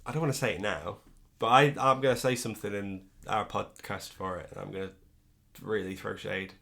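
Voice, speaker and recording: A woman's voice: extremely low pitch, a little fast, gravelly, fairly bright tone. A woman co-hosting a podcast in casual chat, stuffy-nosed and teasing. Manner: teasing, playful banter. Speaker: podcast co-host.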